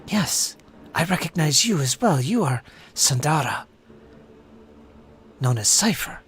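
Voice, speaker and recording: A man voicing a friendly, tattooed female elf adventurer in a tabletop game, speaking calmly and courteously, sometimes in a whisper. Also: a little high, takes it slowly, a little hiss or hum, heavily acted. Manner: calm, courteous, at times whispered.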